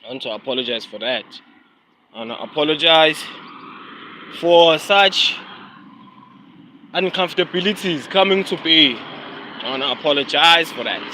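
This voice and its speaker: A man's voice: a little high, lively intonation, moderate pace, pauses often, bright, forceful tone, a little hiss or hum, low-quality recording. A South African man, a rapper and vlogger, chatting casually and rambling on a phone live stream from a neighborhood street. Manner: rambling, slangy, apologetic about glitches.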